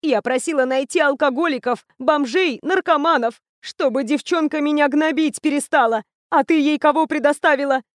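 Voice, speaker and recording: A woman's voice: sits high, moderate pace, hardly any pauses, no echo, clean studio sound, pitched above the performer's own voice, natural voice. A woman voicing a hysterical middle-aged foster mother who whines and wails through tears. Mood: sobbing, whining. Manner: whiny, wailing through tears.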